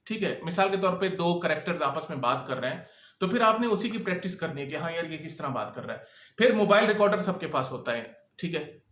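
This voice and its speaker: Guy, kinda high voice, chatty freelancing tips, keeps going "theek hai", echoey room. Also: fairly bright tone. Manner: chatty, repetitive, keeps checking in with the listener. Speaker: freelancing coach. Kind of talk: casual advice talk to camera.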